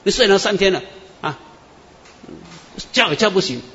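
A man's voice: high voice, expressive, moderate pace, sharp tone, pitched above the performer's own voice. A man preacher voicing a worried husband questioning his crying wife. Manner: anxious, questioning. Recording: echoey muffled hall.

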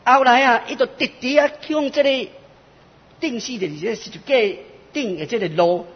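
A man preaching a sermon in short phrases, pausing for interpretation, in a church hall. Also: extremely high pitch, animated, husky. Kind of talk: sermon in Taiwanese Hokkien. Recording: lo-fi recording with long hall reverb.

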